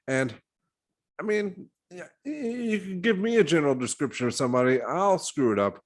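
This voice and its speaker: A man co-hosting a casual game podcast, speaking haltingly with frequent restarts and self-deprecating asides. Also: on the high side, lively intonation. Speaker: co-host.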